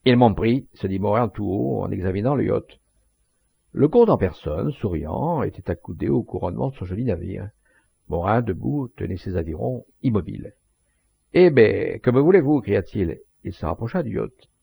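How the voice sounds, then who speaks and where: Gravelly man narrating an audiobook. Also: lowish voice, no room sound. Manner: measured, expressive storytelling.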